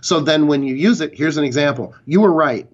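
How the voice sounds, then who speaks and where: A man's voice: fairly high pitch, brisk, lo-fi sound. A man co-hosting a fitness podcast, chatting casually and giving opinionated, rambling explanations with some swearing. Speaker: podcast co-host. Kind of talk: casual chat.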